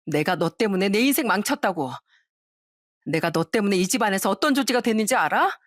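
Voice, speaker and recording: Casting: a sneering, arrogant young sister-in-law, voiced by a woman, pitched high and lively. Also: fairly quick, dry recording, studio quality, close to an everyday voice. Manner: sneering, contemptuous.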